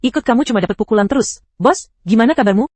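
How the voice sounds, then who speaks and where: Synthetic female voice, text-to-speech, anime recap narration, rapid, bouncy pitch. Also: animated, darkish tone, no room sound, clean studio sound. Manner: reads every character's lines in the same voice.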